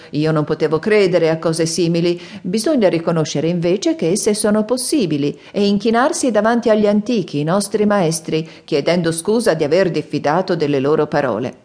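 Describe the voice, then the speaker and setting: A woman voicing a skeptical, pompous English lord and scholar in an audiobook, slow and measured. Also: lowish voice, expressive, a little mellow, close to an everyday voice. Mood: lecturing. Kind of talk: audiobook character voice.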